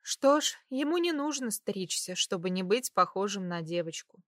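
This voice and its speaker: A woman reading a first-person romance novel aloud in a measured, intimate storytelling manner. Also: medium pitch, animated, dry recording, studio quality. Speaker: audiobook narrator. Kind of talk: first-person audiobook narration.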